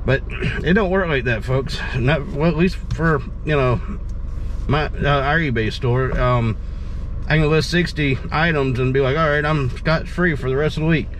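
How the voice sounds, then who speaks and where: A man's voice: on the high side, moderate pace. A man in his thirties, a reseller vlogger, chatting in a folksy, rambling way from the driver's seat of his car. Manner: folksy, rambling, repeats himself. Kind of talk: casual chat. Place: car, driving. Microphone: dash-mounted camera. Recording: car road noise. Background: road noise.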